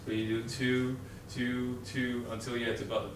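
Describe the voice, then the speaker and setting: In a training room before an audience, a young Dutch-accented man presents in a medium-pitched, level voice at a moderate pace. His delivery is hesitant, with plenty of fillers and restarts. The recording comes from a distant camera, so it's roomy and noisy.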